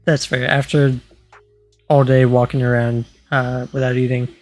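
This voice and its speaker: A young man co-hosting a casual podcast chat, measured and matter-of-fact, pausing often with ums. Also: medium pitch, flat delivery, soft background music, poor audio. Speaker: podcast co-host.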